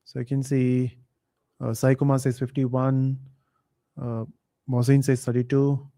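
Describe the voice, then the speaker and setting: A man hosting a live online quiz, reading chat comments aloud and thinking out loud with fillers. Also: mid-range voice, little pitch movement, unhurried. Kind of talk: casual live stream chat.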